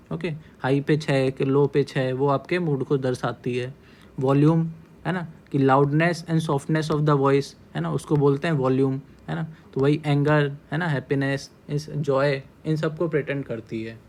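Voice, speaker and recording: A man teaching an exam-prep class in a relaxed, conversational way. His voice sits a bit high for a man. He keeps checking in with his listeners as he goes and slips English terms into his explanations. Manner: mixes English terms into Hindi. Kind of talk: casual Hindi-English lecture.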